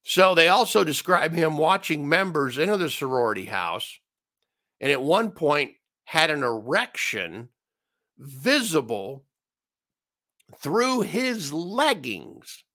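Host, male, sarcastic ranter, gravelly fry, pitch swings all over. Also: very animated, takes it slowly, pushed and bright. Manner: sarcastic, ranting, mocking asides. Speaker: commentary show host. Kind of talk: opinionated solo commentary.

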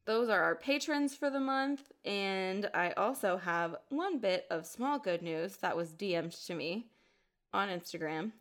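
A woman co-hosting a podcast, chatty and self-mocking, breaking into laughs as she talks. Her voice sits at an ordinary middle pitch, and she speaks in a loose, casual way. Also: animated, measured pace, a bit bright. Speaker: podcast co-host. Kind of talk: casual chat.

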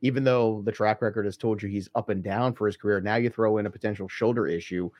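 A man's voice: lowish voice, fairly even intonation, fast talker, no room sound, dull audio. A man hosting a casual podcast chat, leading the questions in a conversational way. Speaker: podcast host.

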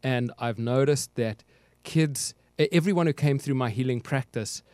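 Earnest South African man, smooth voice. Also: medium pitch, moderate pace, a little mellow, no echo. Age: middle-aged. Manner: thoughtful, earnest, some hesitations. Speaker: guest author. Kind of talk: casual interview chat.

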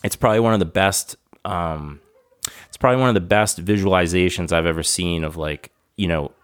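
Deep-voiced man rambling casually. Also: brisk, smooth. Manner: rambling, profane, enthusiastic explaining. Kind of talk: casual chat.

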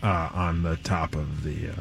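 A dim, deadpan football star, put on by a man. He speaks in a deep, low voice, slow and halting, with lots of pauses. Faint music plays in the background. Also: vocal fry. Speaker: radio co-host doing celebrity impressions.

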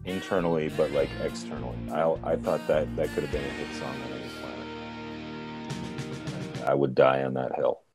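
Super deep voiced singer guy, thinks out loud, lots of ums. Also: little pitch movement, over loud music. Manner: halting, thoughtful, many fillers. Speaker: band singer. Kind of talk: reminiscing interview.

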